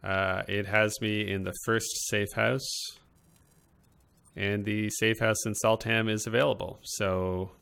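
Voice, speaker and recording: A man's voice: fairly low pitch, little pitch movement, takes it slowly, creaky, a bit bright, clean tone. A man hosting a casual let's-play, chatting in an easygoing, talkative way. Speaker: host.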